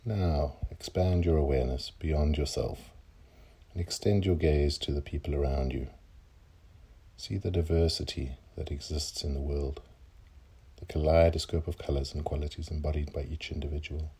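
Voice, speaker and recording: A man leading a guided meditation, speaking slowly and softly, his calm phrases sometimes trailing into breathy near-whispers. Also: a bass voice.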